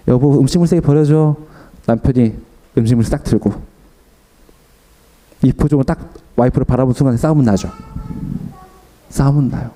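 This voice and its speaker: Young guy preaching, tells stories and acts out the lines, warm mellow voice. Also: medium pitch. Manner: animated, acts out his own and others' lines. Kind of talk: sermon with personal story.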